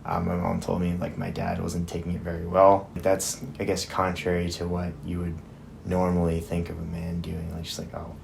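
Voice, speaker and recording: A man's voice: low voice, completely flat delivery, moderate pace, creaky, darkish tone, a little hiss or hum. An eighteen-year-old man talking casually in a documentary interview, full of "like" and "I guess.". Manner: casual, many fillers like "like".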